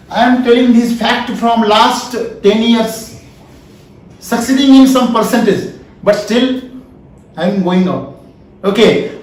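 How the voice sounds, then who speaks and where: Heard from a distance in an echoey room, a man with a high voice and an Indian English accent founded and now lectures at a farming seminar. He keeps restating his points and prompts the audience with "yes or no?" in call-and-response.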